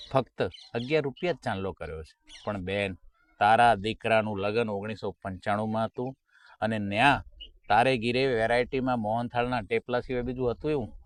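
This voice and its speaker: A man, a folk stand-up comedian who tells jokes and acts out his characters' lines. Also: on the low side. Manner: storytelling, acting out characters' lines; sings short folk song lines slowly.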